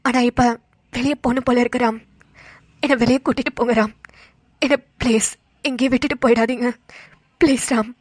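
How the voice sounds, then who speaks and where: A woman voicing a yearning young woman in a cartoon, softly pleading. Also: fairly high pitch, fairly even intonation, a little fast, pauses often, no echo, lightly acted. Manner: soft pleading.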